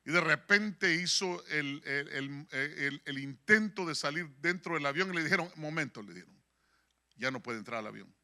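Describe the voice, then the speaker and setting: A man preaching in a church, telling a story. His voice sits high and sounds sharp and forceful. He acts out every quoted line of the dialogue. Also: expressive, moderate pace. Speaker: pastor. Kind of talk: sermon with storytelling. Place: church in San Diego.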